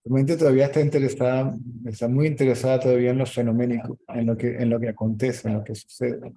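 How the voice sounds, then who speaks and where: Dark-voiced calm spiritual teacher, man. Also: medium pitch, fast talker, rough recording. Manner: calm, explanatory, checks in with "¿sí?". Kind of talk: answering questions in a meeting.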